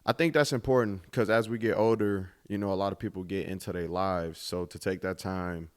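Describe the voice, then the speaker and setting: A man's voice: low voice, fairly even intonation, fairly quick. A man in his twenties hosting his own podcast, talking in a laid-back, reflective way with casual swearing. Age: 20s. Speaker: podcast host. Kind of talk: casual solo podcast monologue.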